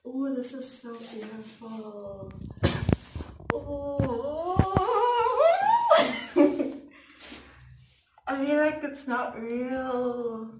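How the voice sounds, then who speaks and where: A young woman from South Africa gushing and giggling as she unboxes a camera for her vlog. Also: fairly high pitch. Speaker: vlogger. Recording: echoey room, far from mic, clear background noise.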